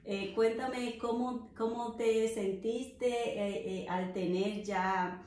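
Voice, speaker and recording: A woman's voice: on the high side, steady tone, slow, a little mellow, echoey room, slight background noise. A middle-aged woman hosting a podcast interview, asking questions with many fillers. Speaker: podcast host. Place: living room on a sofa, indoors.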